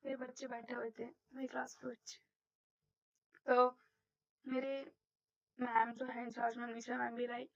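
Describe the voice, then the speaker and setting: High-voiced chatty woman teacher vlogging. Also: a little slow, long pauses. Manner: animated, mimics others' voices in anecdotes. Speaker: primary school teacher. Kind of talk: casual storytelling vlog. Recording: slightly dull lo-fi audio.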